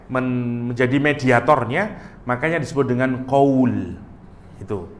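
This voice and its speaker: A man's voice: medium pitch, a little hiss or hum. Man teaching Quran study in echoey room. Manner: explains with everyday comparisons, chuckles at own jokes; stumbles and restarts words. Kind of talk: relaxed religious study talk.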